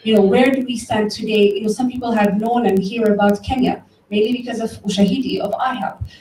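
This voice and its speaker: Her voice slightly high, warm and fairly quick, with fairly even intonation, an Ethiopian tech company director gives a conversational conference talk full of stories, addressing the audience in the event room directly. A distant mic captures a roomy sound and faint background noise.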